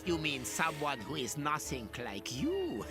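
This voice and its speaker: A man's voice: on the high side, wildly swooping pitch, takes it slowly, music in the background, exaggerated voice. An actor playing an arrogant, gleeful male mad scientist locked in a cell, speaking with a German accent in a theatrical, grandiose way.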